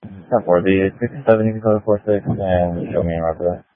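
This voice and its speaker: A very deep-voiced man answers in short, clipped radio codes as a police officer out in the field. He comes through a two-way radio, so his voice is thin and tinny, with a narrow band. There is no room echo around it. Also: steady tone, moderate pace. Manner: clipped, brief replies. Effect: heard over a two-way radio.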